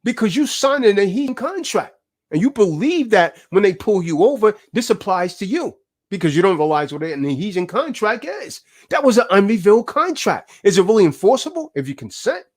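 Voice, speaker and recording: A man's voice: sits high, big pitch swings, brisk. A man giving a fiery, preachy lecture, full of emphatic rhetorical questions. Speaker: speaker teaching about contracts.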